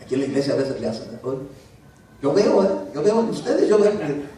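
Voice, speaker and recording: A male pastor preaching a conversational sermon in a church, swinging from loud commands to soft asides. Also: fairly high pitch, very animated, quick pace, noisy background. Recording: very echoey church hall from a distance.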